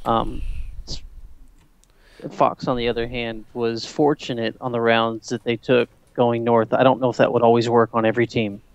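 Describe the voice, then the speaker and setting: A man giving calm, analytical color commentary on a live online shooter match. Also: mid-range voice, normal speed, muffled recording. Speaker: esports co-caster.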